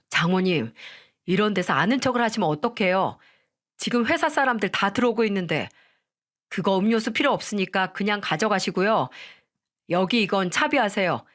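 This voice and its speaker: A woman's voice: mid-range voice, expressive, moderate pace, fairly bright tone, lightly acted. A woman voicing an arrogant young husband who talks in a curt, irritated, condescending way. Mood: impatient.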